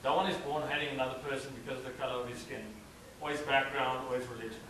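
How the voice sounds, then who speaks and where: Speaking very fast in a mid-range voice, this South African-accented student, an Afrikaans native, gives a hesitant slideshow at a cultural event. His manner is relaxed, full of "uh" fillers. A noisy background and a far-placed mic in the roomy hall shape the recording.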